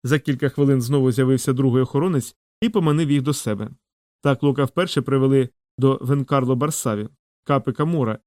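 A male narrator tells a fantasy story in measured, even audiobook style. His voice sits at an ordinary male pitch. The recording is dry and close, with no room sound. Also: no room sound.

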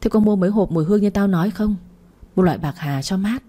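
A woman's voice: medium pitch, quick pace, dark tone, natural voice. A woman voicing a brash male friend who mocks and teases with a laugh in his voice. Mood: teasing. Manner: mocking, laughing. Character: brash teasing male friend, playboy type.

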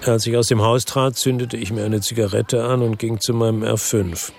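The lead actor narrates a Marseille noir radio drama in first person as a world-weary, brooding investigator, his delivery terse and reflective, the mood weary. His mid-range voice is steady, darkish and close to everyday, at normal speed. The dry studio take carries music underneath and slight background noise.

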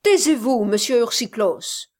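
A woman's voice: a little high, animated, takes it slowly. A woman voicing a spirited, romantic young Scottish woman who speaks passionately and indignantly in a storybook reading.

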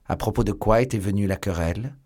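A man voicing a cold, powerful old cardinal who speaks low, hushed and measured in a storybook reading. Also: lightly acted. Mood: cool, guarded.

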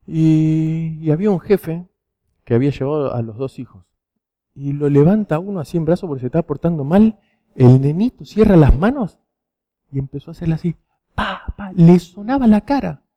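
The voice is on the high side, mellow and brisk with lively intonation, captured in dull audio. It belongs to a youth preacher from Argentina with a Rioplatense Spanish accent, who tells teenagers stories during his sermon and keeps checking in with "¿sí?".

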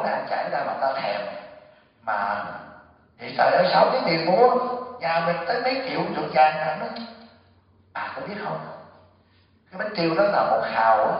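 A man voicing a rich, stingy old village elder who complains in an agitated way. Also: a little high. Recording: echoey hall from far off, dull.

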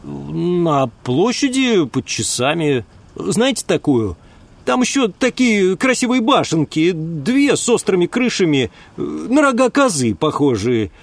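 A man's voice: sits high, big pitch swings, unhurried, gravelly, pitched above the performer's own voice, full character voice. A man voicing a talkative young country lad who rambles in folksy speech with filler sounds. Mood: eager.

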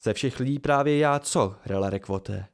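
A man voicing an eccentric older male master who speaks quietly with cool amusement, in an audiobook reading. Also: medium pitch, close to an everyday voice.

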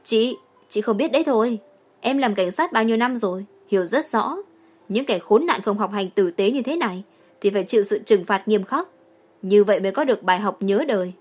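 A woman's voice: medium pitch, expressive, brisk, darkish tone, lightly acted. A woman voicing a brash, cocky young policewoman in an audiobook.

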